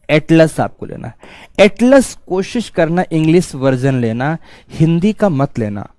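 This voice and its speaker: A man's voice: fairly high pitch, a little mellow, no room sound. A male teacher giving a stern exam-prep lecture, scolding students and repeating key points for emphasis.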